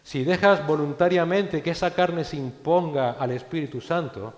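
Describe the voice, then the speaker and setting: A man preaching a sermon as pastor, swinging between loud exhortation and hushed, low phrases. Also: moderate pace. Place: church hall. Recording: echoey church hall with long reverb.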